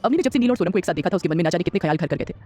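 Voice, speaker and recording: A man's voice: high-pitched, animated, rapid-fire, darkish tone. A man narrating a dramatic romance audio story.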